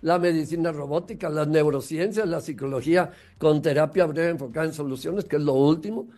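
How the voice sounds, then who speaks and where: A man's voice: a little high, brisk, a little mellow, faint music behind. A man giving a motivational talk on raising children, emphatic and full of rhetorical questions.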